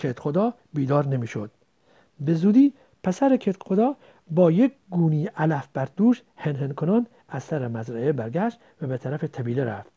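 Expressive man reading a story aloud. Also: medium pitch, husky. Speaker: narrator. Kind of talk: audiobook narration. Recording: dull lo-fi recording.

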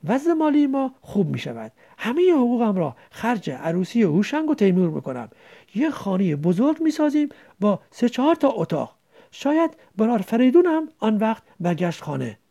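A woman voicing an earnest teenage village boy who gently comforts his sister, in a read-aloud story. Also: mid-range voice. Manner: gentle, soothing, then bitter.

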